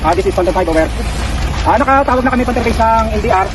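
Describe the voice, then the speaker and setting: A man playing a hesitant patrol officer giving halting, repetitive radio reports. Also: high-pitched, animated. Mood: halting, procedural. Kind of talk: improvised radio report in a role-play. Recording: very noisy outdoor roadside, vehicle engines. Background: vehicle and engine noise.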